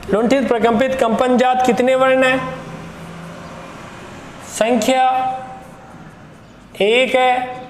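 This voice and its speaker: A man teaching Hindi grammar for exam preparation, slowly and emphatically, repeating key terms. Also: extremely high pitch. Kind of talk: exam-prep grammar lesson. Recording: echoey room with long reverb.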